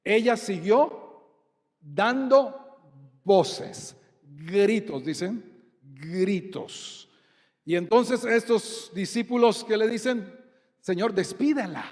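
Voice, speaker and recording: A Colombian man preaching a sermon with a fairly high voice and an unhurried delivery. He keeps asking his congregation questions. His voice rings out with a long reverb in a church hall. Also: lively intonation, a little mellow. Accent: Colombian Spanish. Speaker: pastor.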